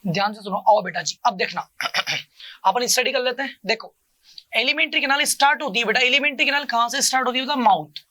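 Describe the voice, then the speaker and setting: Male coaching teacher, bright tense voice, dry close mic. Call-and-response drilling that keeps addressing the student warmly. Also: brisk, dry recording. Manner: asks a question, then answers it himself in a lower voice; keeps calling the listener "beta" and repeats each term.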